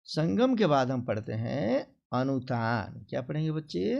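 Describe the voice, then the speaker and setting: A male teacher explains a grammar lesson to children, speaking slowly with a gravelly edge and big pitch swings. He acts out example phrases in a sing-song way, his voice a little mellow, and the audio sounds dull.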